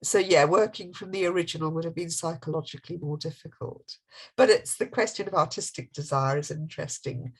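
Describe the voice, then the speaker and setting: Husky-voiced woman answering questions. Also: low voice, brisk. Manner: thoughtful, hesitant, restarts mid-thought. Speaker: guest speaker. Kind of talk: academic Q&A over video call. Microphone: video call.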